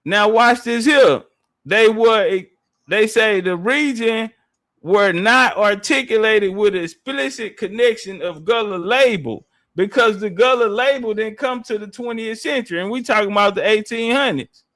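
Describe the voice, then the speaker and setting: Man, very high pitch, slow pace, slangy, taunting, live debate host. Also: a bit bright. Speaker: live-stream panel host.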